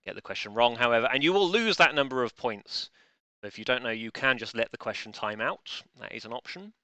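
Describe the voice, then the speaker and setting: Bright, crisp-voiced male quiz host. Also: medium pitch, lively intonation, brisk, no room sound. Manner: chatty, playful, bumbling with restarts. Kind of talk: live-streamed quiz hosting.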